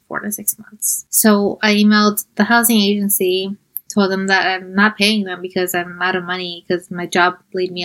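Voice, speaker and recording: A woman's voice: mid-range voice, low-quality recording. A young woman from New York, a podcast host, chatting in a casual storytelling monologue and acting out the dialogue as she goes. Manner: chatty and animated, quotes people in dialogue. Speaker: podcast host and mental health coach.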